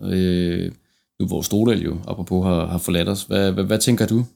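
Male football podcast host, very deep with vocal fry, tentative and conversational. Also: fairly even intonation, a little mellow. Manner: tentative, circles around his points. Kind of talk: casual football discussion.

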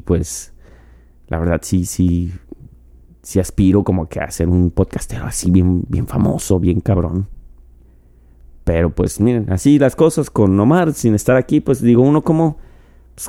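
Speaking at a moderate pace, this solo podcast host has a lowish, dark-toned and expressive voice with a Mexican accent. In his casual monologue he drinks mezcal while rambling and joking, swearing freely.

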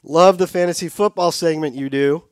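This podcast co-host sounds clear and resonant, his voice on the high side at a normal speed. He talks football casually and reads out listener letters, with studio-quality sound and no echo.

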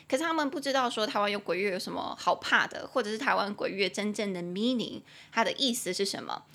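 A bright, clear-toned woman with a Taiwanese Mandarin accent teaches English on a podcast. Her talk is lively and playful, with giggles along the way. She slows down to read each English sentence out carefully. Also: mid-range voice. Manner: lively and giggly, reads English lines slowly. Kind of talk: bilingual language lesson podcast.

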